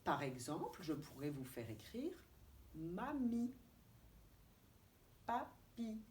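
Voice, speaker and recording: French kindergarten teacher, woman, low voice, drawn-out syllables, distant camera mic. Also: very animated, a little mellow. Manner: slow, deliberate, stretching out syllables and letters. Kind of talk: remote video lesson for young children. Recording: distant mic with faint background noise.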